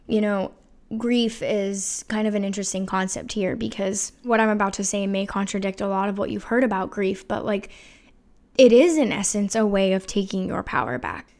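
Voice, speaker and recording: A woman in her thirties talks through a reflective solo podcast episode in an earnest, confessional tone. Her voice is mid-pitched and carries some emotion, and she keeps it casual with "you know" and "like" along the way. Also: gravelly, a little mellow. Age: 30s. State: emotional, voice wavering. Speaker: podcast host.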